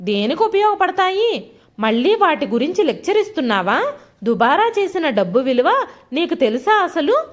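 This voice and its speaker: A woman's voice: sits high, big pitch swings, measured pace. A woman voicing a middle-aged husband who scolds and mocks his wife with contempt, in a storybook reading. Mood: mocking. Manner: mocking, contemptuous. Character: scornful shouting male husband, middle-aged.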